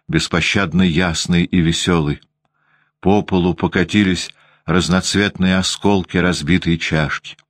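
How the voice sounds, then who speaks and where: A man's voice: low-pitched, no echo. A man narrating a classic story as an audiobook reader. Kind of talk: scripted narration.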